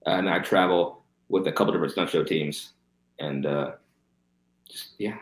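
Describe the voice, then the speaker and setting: A thirty-year-old man with missing front teeth chats casually as an interview guest; he's a professional BMX stunt rider and reptile keeper. His deep, steady voice moves at normal speed in a recording with roomy echo.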